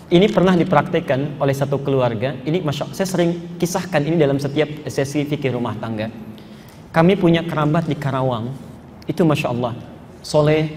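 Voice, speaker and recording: A man's voice: a little high, darkish tone. A middle-aged man preaching on marriage, telling a story and acting out the dialogue while asking the audience questions. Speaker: Islamic preacher. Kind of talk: lively marriage sermon with anecdotes. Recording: long hall reverb, faint noise.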